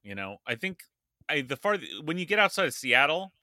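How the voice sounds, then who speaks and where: A man's voice: a little high, big pitch swings, fairly quick, pushed and bright, no room sound, clean studio sound. A man co-hosting a casual political chat podcast, blunt and profane, with a sarcastic edge. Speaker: podcast co-host.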